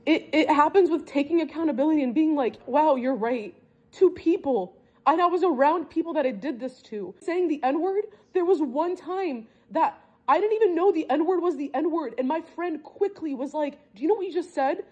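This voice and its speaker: High-voiced woman, insistent and emphatic. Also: lively intonation, normal speed, hardly any pauses, darkish tone, highs cut off. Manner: emphatic, insistent, often repeating herself. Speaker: daughter confronting her family. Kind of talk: heated family argument.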